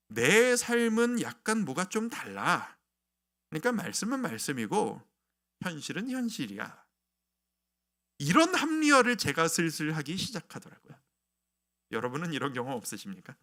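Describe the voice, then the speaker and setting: Male pastor, sermon delivery, high animated voice, bright tone, dramatizes prayers. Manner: storytelling sermon, acting out his own past prayers with rising intensity.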